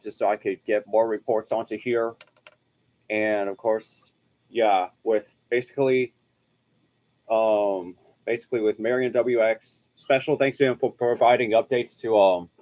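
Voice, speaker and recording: A man hosting amateur live severe weather coverage, relaying terse radio-style updates in a halting way, often repeating and restarting his phrases. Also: fairly low pitch, a little mellow. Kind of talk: improvised live storm coverage commentary.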